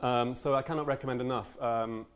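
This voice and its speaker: Young male teacher, earnest conference speaker, mid-pitched, lots of ums and restarts. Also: fairly even intonation, fairly quick, clear, resonant tone. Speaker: language teacher giving a conference talk. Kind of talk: conference talk.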